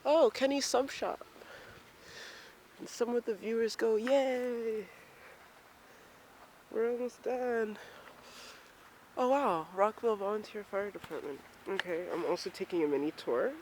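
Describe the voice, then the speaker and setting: A woman's voice: mid-range voice, moderate pace, a little mellow. A chatty woman from Maryland vlogs to a handheld camera as she trudges along a snowy street. She rambles in a self-mocking way and sounds a little out of breath. Faint traffic hums behind her. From Maryland, USA. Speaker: vlogger. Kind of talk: casual walking vlog. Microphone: handheld camera while walking.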